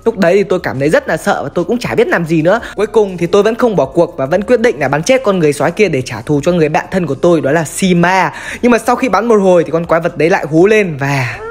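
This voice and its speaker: A man's voice: high-pitched, expressive, fast, few pauses, darkish tone. A man narrating his own game-based horror story, chatty and talking straight to his viewers. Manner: chatty, addresses viewers as brothers. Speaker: gaming YouTuber.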